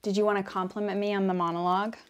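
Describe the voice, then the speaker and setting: A woman playing a quirky female devil in an ASMR role-play, talking in a playful, deadpan ramble with frequent self-interruptions. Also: mid-range voice, rapid-fire, clear, resonant tone, close to an everyday voice. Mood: smug, playful. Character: quirky female devil welcoming a newcomer to hell.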